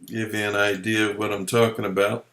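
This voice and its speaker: Man calmly walking through software. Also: fairly low pitch, fairly quick. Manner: relaxed, folksy explaining with fillers. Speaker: software tutorial presenter. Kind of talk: screen-recorded software walkthrough.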